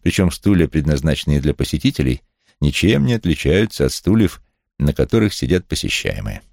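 A man's voice: extremely low pitch, very animated, a little fast, vocal fry, a little mellow, dry recording, studio quality. A man reading a detective novel aloud as a wry first-person narrator. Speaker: audiobook reader.

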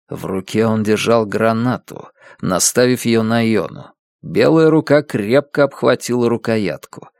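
A man narrating an audiobook thriller in an even, measured reading voice. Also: mid-range voice, dry recording, clean studio sound.

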